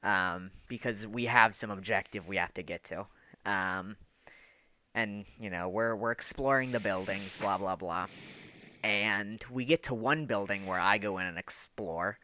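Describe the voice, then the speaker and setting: A podcast co-host with a lowish, sharp-toned voice rambles unhurriedly through a long story in casual chat, filling it with fillers and the odd swear word. The recording is dry.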